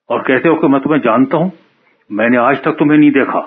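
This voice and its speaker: A man's voice: mid-range voice, slightly rough, voice pushed up, close to an everyday voice. A man voicing a pompous, self-serving older priest who frets and scolds in a storybook tale. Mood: scolding. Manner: suspicious, scolding, self-justifying. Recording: muffled phone-like radio sound.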